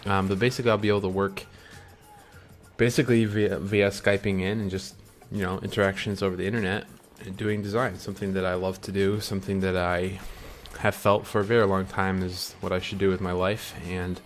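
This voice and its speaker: Deep-voiced young man musing earnestly. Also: flat delivery, a little fast, faint music behind. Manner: rambling, many ums and restarts, earnest; chewing candy while talking. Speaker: vlogger. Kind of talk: casual reflective monologue.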